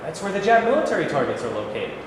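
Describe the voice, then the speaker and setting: A man speaks quickly in a fairly high, sing-song voice, playing a troubled, plain-spoken middle-aged president in a staged play reading. He sounds troubled and earnest. The recording comes from a very echoey hall and picks up a lot of room noise.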